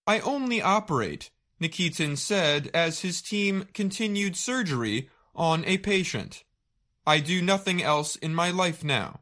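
A woman reading a scripted news story for language learners, deliberately, in short phrases with pauses. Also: lowish voice, animated, fairly bright tone. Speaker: narrator of a simple English news story. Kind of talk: slow scripted learning-English narration.

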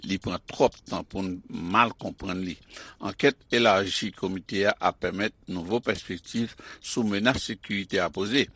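A man files a news report in a steady, measured delivery. His voice sits low and a little husky, recorded dry and close with no room sound. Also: dry recording.

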